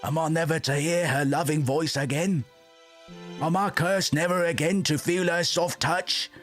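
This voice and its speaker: A man's voice: a little high, steady tone, normal speed, fairly bright tone, soft background music, pitched above the performer's own voice, natural voice. A man voicing a young heroic lover in a stage melodrama, anguished and declamatory in archaic English.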